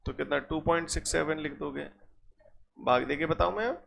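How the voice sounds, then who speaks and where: A man's voice: on the high side, normal speed, creaky, a bit bright, slight background noise. A man teaching a physics class, often checking his students as he works through problems. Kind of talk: classroom lecture.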